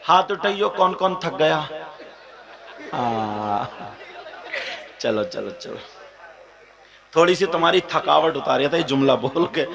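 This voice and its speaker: A man delivering an emotional religious sermon to a live gathering, questioning the crowd and rising from soft asides to shouted, half-sung passages. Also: on the high side, steady tone, brisk, creaky, few pauses. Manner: keeps questioning the audience directly. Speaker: preacher. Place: stage before a live gathering.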